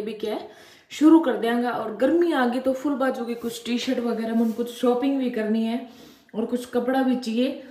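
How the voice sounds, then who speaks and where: A woman's voice: on the high side, a little mellow. A young woman in her twenties with a Rajasthani accent, chatting playfully and teasing as a vlogger while riding in a car. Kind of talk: casual vlog chatter. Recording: roomy sound with faint background noise.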